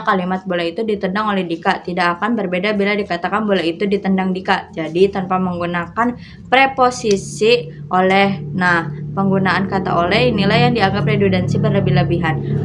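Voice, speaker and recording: A young woman student presents a semantics lesson, reading each definition and example in a steady, careful way. Her voice sits at a middle pitch, with a faint hiss in the background. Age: young adult.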